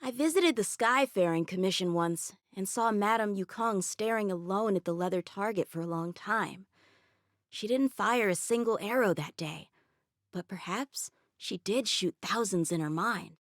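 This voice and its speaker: A woman performs game character lines as an eager, earnest teenage boy swordsman, sounding boyish and cheerful. Her medium-pitched voice moves at a moderate pace, close to her everyday voice, captured in a clean studio with no room sound.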